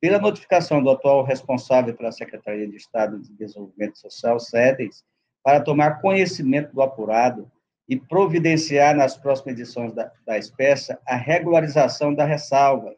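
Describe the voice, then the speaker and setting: A man, the rapporteur councilor, reading a formal case report and vote in a halting way, with restarts, over a video call. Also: medium pitch, darkish tone, highs cut off.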